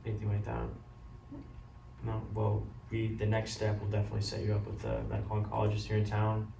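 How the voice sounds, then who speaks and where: A man playing a caring doctor who breaks bad news gently, apologetically and haltingly in a role-played consultation. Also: fairly low pitch, monotone, vocal fry. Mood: gentle, apologetic. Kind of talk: amateur role-play of a medical consultation. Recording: roomy, distant mic, loud background noise.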